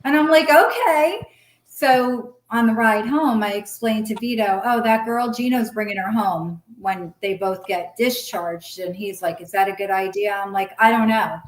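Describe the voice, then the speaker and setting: A middle-aged woman telling her own story in a blunt, candid way, swearing freely. She acts out old conversations in lively quoted voices. Her pitch sits in the middle for a woman, and the room adds a clear echo. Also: normal speed, few pauses. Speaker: guest sharing her story. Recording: roomy echo.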